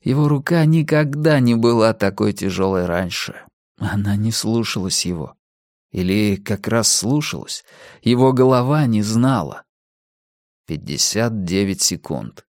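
A man's voice: fairly low pitch, lively intonation, measured pace, a little mellow, dry recording, studio quality. A man narrating an audiobook in a tense, urgent storytelling manner. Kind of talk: audiobook reading.

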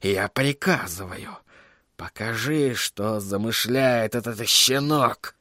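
A male narrator voicing an angry, menacing royal sorcerer in a storybook reading, dropping to hissed whispers and rising to shouted orders. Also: medium pitch, animated, takes it slowly, dry recording, studio quality. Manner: swings between hissed whispers and shouted commands.

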